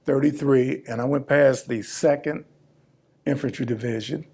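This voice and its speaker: An elderly man, a veteran in his seventies, reminiscing plainly in a casual interview, pausing as he recalls details. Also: mid-range voice, gravelly, darkish tone, slightly rough. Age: 70s. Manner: old veteran remembering, plain-spoken, halting recall.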